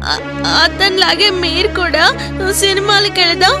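A woman's voice: very high voice, fairly even intonation, measured pace, loud music behind the voice. An actress playing a shy, anxious young woman in a dubbed film, talking hesitantly. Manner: hesitant, fearful. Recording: loud film score underneath.

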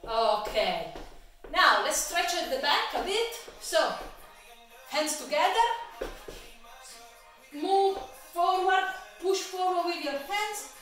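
Slow, high-voiced woman leading exercises. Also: a bit bright. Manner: encouraging, counts reps aloud slowly. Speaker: exercise instructor. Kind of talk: guided exercise class. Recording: echoey room, from far off, faint music.

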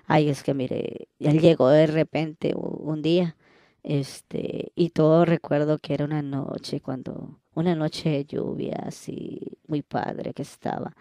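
A man's voice: a little high, flat delivery, unhurried, mellow, dry recording, clean studio sound. A man playing a flirty, gossipy woman fan, gushing and coy in a comedy sketch.

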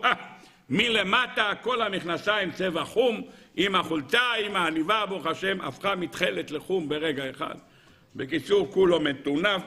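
Man, rabbi's Torah lesson, high voice, bright tone, animated storyteller, rhetorical questions. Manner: lively storyteller who acts out characters; addresses the audience with rhetorical questions.

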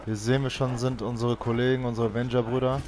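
A man's voice: level tone, fast, a little hiss or hum. A young man commentating his own video game playthrough, often frustrated and exclaiming as he plays. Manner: frustrated, exclaiming, shouts high-pitched for help in panic. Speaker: let's play gamer. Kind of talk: let's play commentary.

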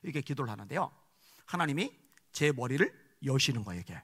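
A pastor preaching a sermon, moving between quiet storytelling and shouted exhortation. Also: male voice, medium pitch, big pitch swings, a little fast, husky. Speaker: guest pastor. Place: church sanctuary. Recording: long church hall reverb.

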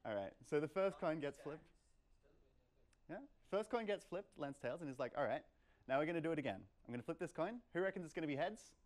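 A young adult man gives an informal live lecture to a meetup in a medium-sized indoor lecture room, taking audience questions. He's playful and conversational, using lots of "like" and "kind of." His voice is on the high side, with lively intonation and a fairly quick pace.

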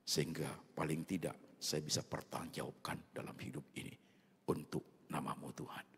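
A man preaching a sermon as a pastor, mixing in English phrases and swinging between loud bursts and soft near-whispers. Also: very deep voice, level tone, normal speed, husky. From Indonesia. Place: large church hall. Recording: long reverb of a large church hall.

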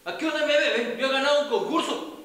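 A man acting out a loud, boastful husband with a Manabí accent, shouting every line in a high, sharp voice. His insistent, repetitive talk rings around an echoey room with a long reverb tail. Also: quick pace. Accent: Manabí, coastal Ecuador. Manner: shouting, insistent, repeats himself. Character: loud boastful coastal husband, quick-tempered. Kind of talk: comedy sketch acting.

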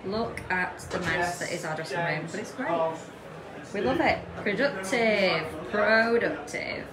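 A woman's voice: mid-range voice, animated, a little slow, a crowd in the background. A woman musician chatting casually to camera in a tour vlog, upbeat and talking straight to her viewers. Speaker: touring musician vlogging.

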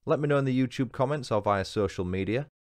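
Dry-humoured Northern English podcast host. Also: male voice, medium pitch, fast. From England. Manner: dry, wry asides with laughs. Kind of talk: true crime podcast narration.

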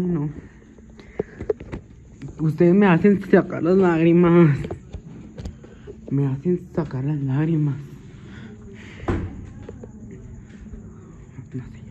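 Male comic as a sentimental, vain young woman; bashful comedy vlog character, recorded on a street with loud ambient noise. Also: a little high. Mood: giddy. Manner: gushing, self-admiring, keeps saying how embarrassed she is. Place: outdoors on a street by a shop. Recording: dull lo-fi with loud outdoor noise.

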